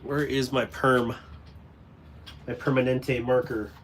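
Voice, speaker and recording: Slow and flat at a medium pitch, a man chats loosely with his livestream audience while going through stickers and gear on a cluttered desk. A little hiss or hum is audible.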